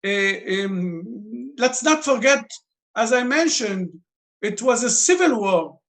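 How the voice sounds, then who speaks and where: Slow halting man, high voice. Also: animated, a bit bright. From Lebanon. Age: 50s. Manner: halting, searching for words, broken grammar. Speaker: guest. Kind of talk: interview answers.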